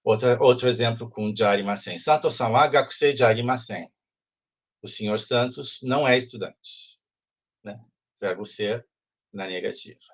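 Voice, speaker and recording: Husky man teaching a class. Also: medium pitch, moderate pace, a bit bright. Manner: explanatory, frequent "né?" checks with students. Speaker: Japanese language teacher. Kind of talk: online class lecture.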